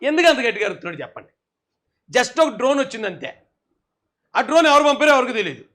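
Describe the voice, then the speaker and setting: A man's voice: very high voice, big pitch swings, fast, background noise. A man giving mocking political commentary, sarcastic and scolding, often laughing at what he describes.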